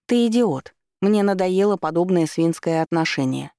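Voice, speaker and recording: A man voicing a spoiled, hysterical rich young woman who talks in a shrill, indignant way. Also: brisk, dark tone, no room sound, clean studio sound.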